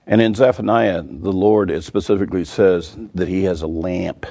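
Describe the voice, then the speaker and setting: A man's voice: low voice, steady tone, normal speed, vocal fry, warm tone. A man teaching a weekly Bible reading, earnest and emphatic, building his points with vivid word pictures.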